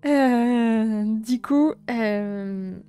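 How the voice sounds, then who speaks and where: A young woman from south-east France with a southern French accent, chatting gently with her live-stream viewers and filling pauses with hesitations. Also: on the high side, clean tone, faint music behind. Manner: gentle, chatty, many fillers and restarts. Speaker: livestream host. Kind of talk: casual live-stream chat, reading chat.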